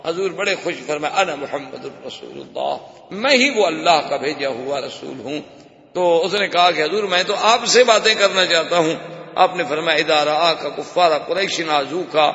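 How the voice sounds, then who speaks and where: A man's voice: high-pitched, sharp tone. A man preaching a sermon, telling a story dramatically and voicing the characters in it. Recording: echoey hall, dull lo-fi sound.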